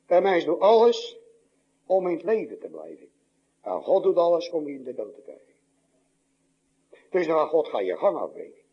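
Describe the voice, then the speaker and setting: Older male pastor, husky voice, lively rising and falling pitch, dramatic sermon delivery, dull lo-fi recording. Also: moderate pace, long pauses. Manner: dramatic preaching, swinging between loud high cries and low hushed lines.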